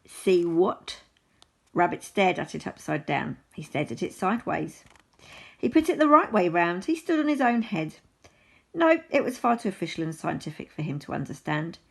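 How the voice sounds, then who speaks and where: A woman, a primary school teacher, reading a storybook aloud to children in an expressive, animated way. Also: fairly low pitch, normal speed, gravelly, slightly rough.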